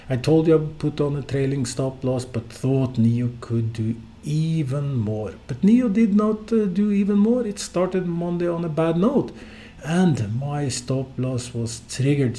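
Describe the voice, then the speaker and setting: A Norwegian man with a Norwegian accent hosts a solo podcast offering financial market commentary. His voice sits on the high side with a warm tone, and his phrasing is halting and packed with fillers.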